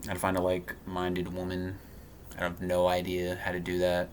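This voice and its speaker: A man in his thirties talking in a personal vlog monologue, halting and rambling with many fillers and restarts. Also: deep voice, completely flat delivery, slight background noise. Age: 30s. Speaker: vlogger.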